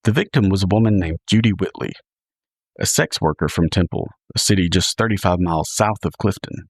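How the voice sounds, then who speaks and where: As a podcast host, a man reads scripted true crime narration in a measured, dramatic storytelling style. His voice is low-pitched, and the recording is clean studio sound with no room noise.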